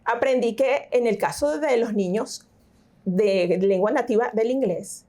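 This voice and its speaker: Woman, higher voice, explaining. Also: measured pace, mellow. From Venezuela. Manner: explanatory, step by step, with fillers and English school terms. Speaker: guest, teacher. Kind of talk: interview conversation.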